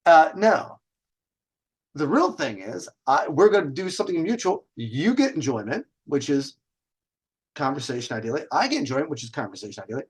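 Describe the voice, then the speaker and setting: Very animated and a little fast, his high-ish voice sounds slightly rough. The man hosts a dating advice show, delivering a casual story-driven monologue with advice, brash and emphatic, drawing out key words and posing rhetorical questions.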